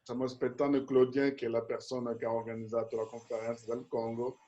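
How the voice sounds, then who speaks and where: A man's voice: mid-range voice, level tone, fast, mellow, dull audio. A man moderating a video call informally, introducing guests and passing along what they said. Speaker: webinar host and organisation president.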